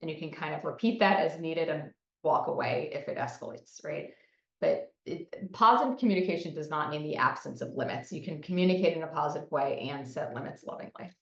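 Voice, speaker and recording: A woman's voice: deep voice, fairly quick, vocal fry. A woman presenting a psychology lesson in a conversational style, often checking in with "right?". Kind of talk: recorded presentation. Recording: muffled, echoey, from a distance.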